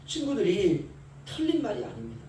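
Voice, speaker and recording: A man's voice: sits high, wildly swooping pitch, fairly quick, mellow. A male pastor giving an early-morning sermon, telling stories and acting out the voices of the people in them. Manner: storytelling, acts out quoted voices of servant and master. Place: church sanctuary. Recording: echoey church hall from far off, faint hiss.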